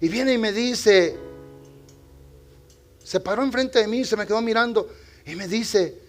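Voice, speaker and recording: A male pastor preaching a sermon in a church, swinging between loud exhortation and quiet storytelling. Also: sits high, measured pace, faint music behind.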